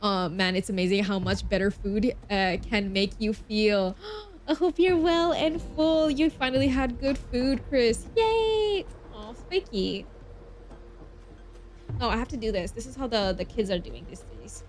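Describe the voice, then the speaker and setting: Reading a game's story text aloud on stream, a woman occasionally trips over words and drifts into expressive side comments. She speaks unhurriedly in a voice on the high side, while music plays behind her.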